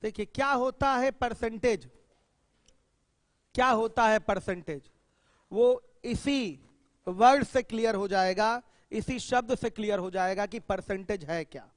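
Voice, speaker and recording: A man teaches maths to a class in a high, bright voice. He often turns explanations into direct questions for the students. The sound is close and dry, with a long reverb tail behind it. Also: measured pace. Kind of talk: classroom lecture.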